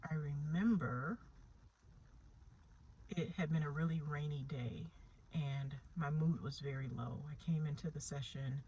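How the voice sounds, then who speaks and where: A woman's voice: sits low, a little slow, pauses often, dark tone, husky, lo-fi sound. A woman telling her own story in a candid, reflective way, with small laughs and frequent restarts. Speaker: vlogger sharing her therapy story. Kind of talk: personal storytelling.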